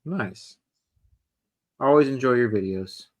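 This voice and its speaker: A man co-hosting a knife show in casual chat, easygoing and teasing. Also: medium pitch. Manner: easygoing, teasing, quick to laugh.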